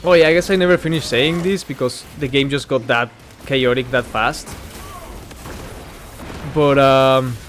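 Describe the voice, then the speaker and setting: A man's voice: mid-range voice, steady tone, a little slow, a bit bright, soft background music. A man giving casual, rambling game commentary while he plays, easily sidetracked by the action. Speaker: gaming video host. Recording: clear background game noise.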